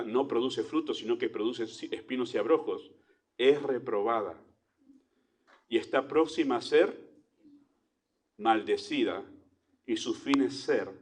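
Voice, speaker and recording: A pastor with a Rioplatense Spanish accent preaches in church at a measured pace, leaving long pauses. His medium-pitched voice swings between loud emphasis and quiet asides as he poses rhetorical questions.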